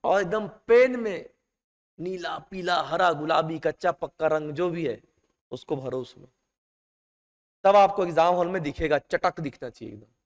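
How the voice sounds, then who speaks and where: A man with a high-pitched voice teaches a classroom lesson at an unhurried pace. He stretches out each stressed word for emphasis. The recording carries a long, ringing reverb from the room. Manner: emphatic, drawn-out stressed words, addresses students as "beta". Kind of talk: classroom lecture.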